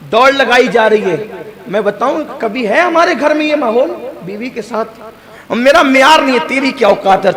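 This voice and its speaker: Man preaching with a very high, fervent delivery; live sermon with an audible crowd behind him. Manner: fervent, rises to high emphatic peaks, rhetorical asides to the audience. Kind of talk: impassioned sermon.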